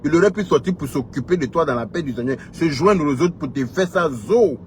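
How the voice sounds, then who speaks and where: A man's voice: on the high side, animated, fairly quick, a little hiss or hum. Scolding Ivorian man ranting to camera. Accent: Ivorian French. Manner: scolding, repetitive, rhetorical questions. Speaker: social media commentator. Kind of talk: heated direct-address rant.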